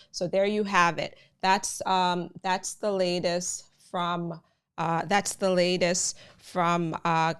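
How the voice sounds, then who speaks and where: Chatting on a live immigration channel, a Jamaican host speaks in a somewhat low, smooth, clear voice. She keeps addressing viewers as "guys," and her talk is loose and full of fillers.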